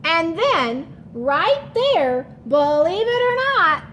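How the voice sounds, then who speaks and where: In a children's read-aloud lesson, a woman teacher instructs deliberately and repeats important words. Her very high voice has a fairly bright tone and swings widely in pitch, with a little hiss or hum behind it.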